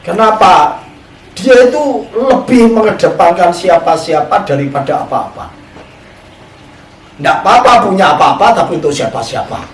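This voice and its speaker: A male preacher tells a story in a sermon and keeps asking his listeners questions. His voice sits a little high for a man. He sounds far from the mic in an echoey room. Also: animated, moderate pace. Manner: storytelling, often questioning the audience. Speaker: Islamic preacher.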